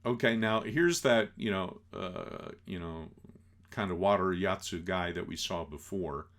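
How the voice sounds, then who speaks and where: A man explaining an old film scene by scene in a casual lecture, acting out the characters' lines and filling pauses with "you know". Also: low voice, creaky. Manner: animated, acts out quotes, many fillers.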